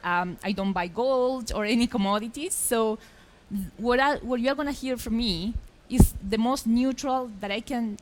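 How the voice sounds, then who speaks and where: A middle-aged woman from Chile, giving a lively, emphatic conference presentation from a stage microphone. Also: on the high side, slight background noise, low-quality recording. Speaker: journalist, conference speaker. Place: expo hall stage.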